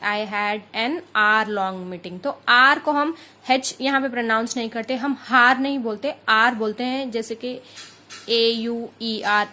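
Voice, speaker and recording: A woman with an Indian accent teaching an English grammar lesson, explaining patiently and spelling out examples slowly. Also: fairly high pitch, bright, forceful tone.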